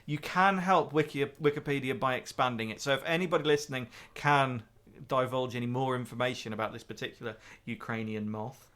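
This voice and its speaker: A man's voice: mid-range voice, brisk, hardly any pauses, fairly bright tone. A man hosting a casual podcast, reading an article aloud with mock enthusiasm and frequent laughter.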